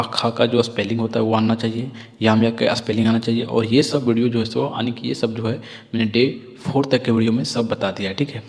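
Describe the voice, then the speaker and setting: A man's voice: mid-range voice, a little mellow. A man teaching English reading rules, explaining patiently, repeating each point and asking questions he then answers himself. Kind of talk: explaining lesson. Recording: long reverb.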